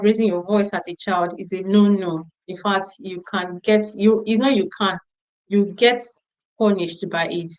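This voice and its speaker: At a parenting conference, a middle-aged woman with a lowish voice tells a story to the audience emphatically, repeating phrases for stress. The recording is low quality.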